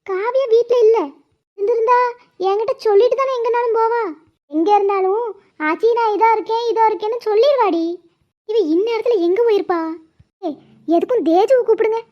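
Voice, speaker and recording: A woman voicing an anxious, fussy old grandmother in a cartoon, speaking loudly. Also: very high voice, brisk, pauses often. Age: older. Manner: anxious, raised voice. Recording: slightly dull lo-fi sound.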